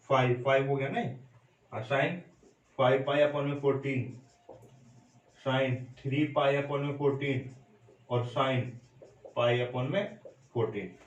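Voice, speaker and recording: A male maths teacher works through a problem at an even, medium pitch, stopping again and again to ask his students what the result is. The sound is roomy and echoey, and he sounds some distance from the microphone, as if he is standing at a classroom board. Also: muffled recording. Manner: steady step-by-step explaining, repeated check-in questions to students. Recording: roomy echo, voice from off mic.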